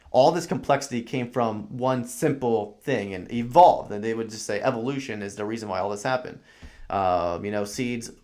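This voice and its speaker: A man hosting a live podcast, commenting casually on a video and rambling with many fillers as he thinks aloud. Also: on the low side. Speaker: podcast host reacting to a video.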